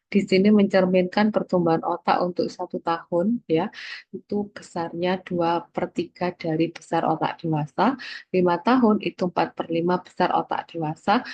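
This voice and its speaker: Husky-voiced woman lecturer, muffled audio. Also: fairly low pitch, darkish tone, no room sound. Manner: explains step by step, checks in with frequent "ya". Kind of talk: recorded lecture on nutrition.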